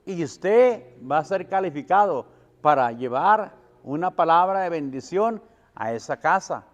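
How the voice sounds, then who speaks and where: A man pastor preaching a sermon, asking his congregation questions and answering them himself, swelling louder on key words. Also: fairly high pitch, lively intonation, measured pace, in a large hall. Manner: preaching with call-and-response questions and swells in volume.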